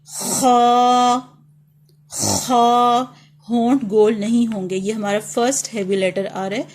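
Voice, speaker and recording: A Pakistani-accented woman whose first language is Urdu teaches a beginners' reading lesson in a steady, medium-pitched voice. She calls out each letter loudly and drawn out, then explains it softly.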